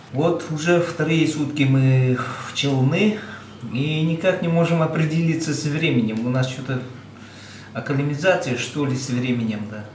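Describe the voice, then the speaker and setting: A man from Yakutia, a truck driver on a road trip, chats casually on camera for a vlog in a small rented apartment kitchen, plain-spoken and chuckling often. His voice is fairly high, and the indoor room is echoey with steady noise.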